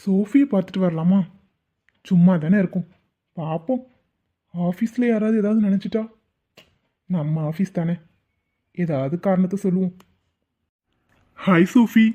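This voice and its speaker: A man's voice: high-pitched, unhurried, pauses often, warm tone. A man voicing an awkward young office worker with a crush in a cartoon, hesitant and fumbling. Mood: sheepish. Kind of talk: cartoon voice acting. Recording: tinny phone-like audio.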